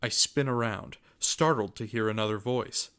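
A man narrating a scripted dramatic story as host, in a deliberate, expressive way. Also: lowish voice, clear, resonant tone.

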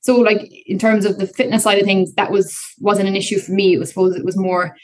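A woman's voice: medium pitch, level tone, fairly quick. A woman in her thirties from Kerry with a west of Ireland accent, telling her story casually as a podcast guest in a chatty, slightly hesitant way. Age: 30s.

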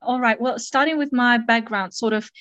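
A woman's voice: on the high side, fairly even intonation, normal speed, a bit bright, dry recording, dull audio. Earnest young woman from Kazakhstan. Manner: thoughtful, earnest, with fillers. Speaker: guest, doctoral student. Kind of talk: casual interview talk.

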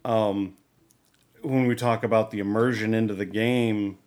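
A man co-hosting a casual podcast chat, talking in a measured, meandering way. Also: lowish voice, fairly even intonation, a little mellow. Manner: measured, many fillers and restarts. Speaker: podcast co-host.

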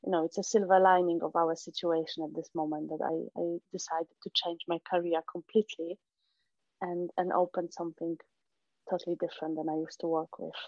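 A middle-aged Polish woman who founded an arts venue for kids is a guest in a casual interview, speaking with a Polish accent. She sounds hesitant, often restarting and filling gaps with "um," her low-leaning voice fairly quick, flat and darkish in tone. The recording is dry and dull.

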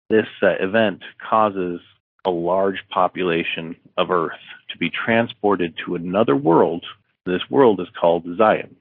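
Through dry, narrow, phone-like audio, a very low-voiced man, an author guest in an interview, spins an easygoing story. He restarts sentences, fills pauses, rambles with lots of fillers, and acts out the dialogue.

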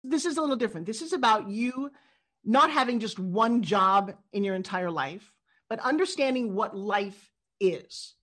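A middle-aged woman from New York, a guest in an interview, telling stories in a quick and expressive way. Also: on the high side. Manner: animated storyteller, quick and expressive. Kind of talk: interview conversation.

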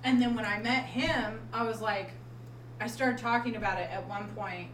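A woman's voice: fairly high pitch, steady tone, moderate pace, fairly bright tone. A woman telling personal stories in a casual, bantering group chat, often acting out what she said. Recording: roomy echo, distant mic, clear background noise.

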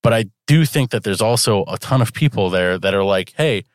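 Low-voiced joking podcast co-host man. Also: lively intonation, brisk, no room sound. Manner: rambling, joking, self-deprecating. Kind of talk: casual podcast chat.

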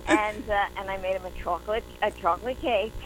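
A woman with a New York accent, a guest in an interview, talking warmly with lots of fillers. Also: mid-range voice, fairly even intonation, fairly quick, over music, rough recording. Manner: chatty, many fillers, warm. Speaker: actress and writer guest. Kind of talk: interview conversation.

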